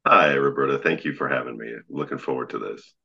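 A man with a low, magnetic, deep voice talking conversationally as a guest in an interview, on a slightly dull recording. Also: brisk, creaky. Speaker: podcast guest, leadership coach.

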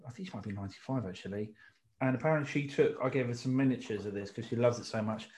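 A man's voice: mid-range voice, very fast, darkish tone. A middle-aged man co-hosting a casual drinks podcast, explaining at length with many restarts. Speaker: podcast co-host. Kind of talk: casual chat about drinks tasting.

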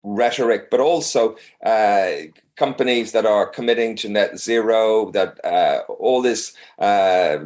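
A man interviewing someone conversationally, feeling his way through long questions with halting rephrasing. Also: lowish voice, a little mellow.

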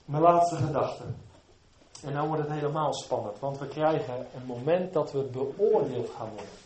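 A man preaching a sermon to his congregation, moving between quiet, low asides and loud, fervent emphasis. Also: normal speed, echoey room.

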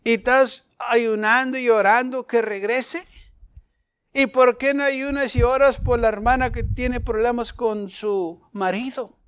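A man delivers a sermon in a fairly high voice. He asks his listeners questions and swings between loud emphasis and quieter stretches. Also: steady tone, measured pace, smooth. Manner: preaching, rhetorical questions, shifting loud and soft. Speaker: pastor.

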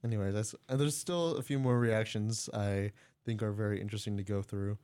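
A man's voice: fairly low pitch, fairly even intonation, a little fast, mellow, clear, resonant tone. Casual podcast co-host, male, jokey, laughs through his lines, rambling delivery. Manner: joking, laughs mid-sentence, rambling. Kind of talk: casual sports chat. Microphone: studio mic.

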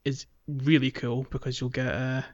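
At a normal speed and level tone, a man with a medium-pitched voice hosts a casual podcast about a game walkthrough, explaining and prompting discussion with questions. His audio is lo-fi and a bit muffled.

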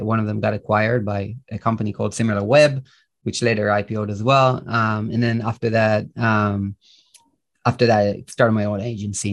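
Man in his late 30s, podcast co-host, casual chat, gravelly, lowish voice, lots of fillers. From Israel. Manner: rambling, many fillers like "like" and "um".

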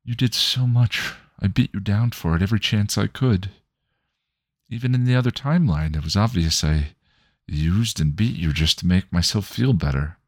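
A man voicing a young woman who is tearful and earnest, speaking softly and haltingly. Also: on the low side, no echo, pitched above the performer's own voice. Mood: pleading.

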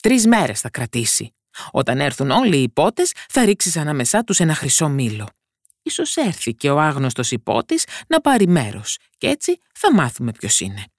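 A woman's voice: low voice, huge pitch swings, no echo, studio quality, full character voice. A woman voicing a proud fairy-tale king who gives orders and asks questions with authority. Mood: commanding.

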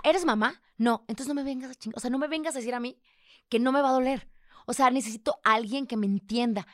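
A woman's voice: a little high, no room sound, clean studio sound. A young woman with a Mexican accent, speaking frankly and emotionally as a guest in a candid conversation, swearing freely and acting out the voices she quotes.

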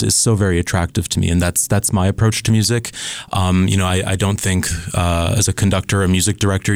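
A man's voice: sits low, darkish tone, dry recording. A man in his thirties, born in Scotland and raised in Switzerland, talking eagerly as a guest in a casual radio studio interview. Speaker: conductor candidate, interview guest.

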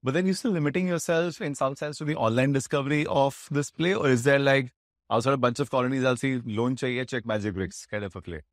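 A man's voice: medium pitch, fast, dry recording, studio quality. A man with an Indian English accent hosting a business interview, framing long, analytical questions in a conversational way. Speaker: interviewer, podcast host.

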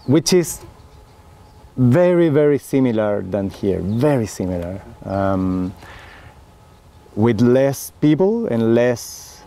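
A middle-aged Chilean man, a winemaker in an oral history interview, has a gravelly, fairly low voice with a warm tone, lively intonation, and a Chilean Spanish accent. He speaks very slowly and earnestly, frequently stopping on fillers and restarting. Faint background noise lies under the recording.

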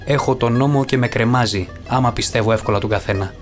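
A man's voice: mid-range voice, lightly acted. A man voicing a stubborn, cautious male ship's steward in an audiobook, firm and unyielding, over faint guitar music.

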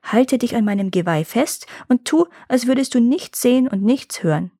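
A woman voicing a big, protective male elk who speaks gravely and warns, in a husky voice. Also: a little high, expressive, normal speed, warm tone, no room sound, studio quality. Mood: warning. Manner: grave, warning, grumbling.

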